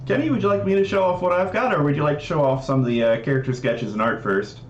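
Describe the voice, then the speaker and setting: Hosting a casual livestream, a man informally narrates a demonstration of a game project at a quick pace in a fairly high voice. The lo-fi recording has a little hiss or hum, a roomy echo, and game music behind.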